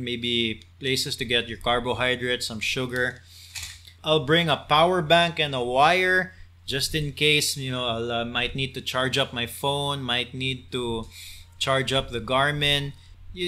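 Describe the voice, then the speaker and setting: Guy in his 30s vlogging from his room, bright forceful voice, loose chatty talk with lots of uhs. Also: medium pitch. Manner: chatty and relaxed, with frequent fillers and restarts. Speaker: cycling vlogger. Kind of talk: casual talk to camera. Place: small room indoors at home.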